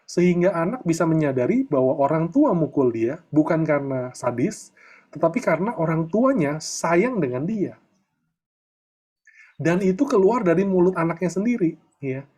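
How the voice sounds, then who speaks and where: Middle-aged guy coaching an online group, kinda high voice, loose chatty delivery w/ lots of filler tags. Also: big pitch swings, moderate pace, darkish tone, breathy edge. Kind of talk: casual online coaching talk.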